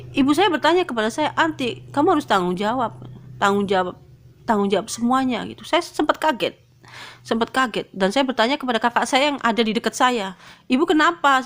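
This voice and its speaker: A middle-aged woman telling a personal testimony, hesitant and full of fillers and restarts, growing high and strained with emotion. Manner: pitch rises high and tense as she grows emotional. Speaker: convert telling her testimony.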